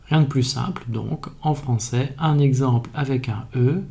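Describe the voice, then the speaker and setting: Mellow-voiced man teaching spelling. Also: medium pitch, moderate pace, vocal fry. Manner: calm, methodical explaining. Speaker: French language teacher. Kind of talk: explanatory video lesson.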